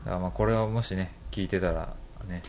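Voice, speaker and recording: A man with a very low voice chats casually in an Osaka Kansai accent. He sounds like a co-host in an informal talk, with faint noise behind him. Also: fairly even intonation, quick pace. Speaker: podcast co-host. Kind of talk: casual chat.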